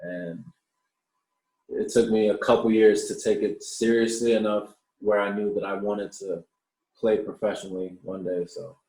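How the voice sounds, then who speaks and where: A man's voice: fairly low pitch, moderate pace, echoey room, low-quality recording. A man in his twenties, a professional basketball player who grew up in Australia, answering interview questions casually and often repeating words as he starts a thought. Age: 20s. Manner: relaxed, repeats words when starting sentences.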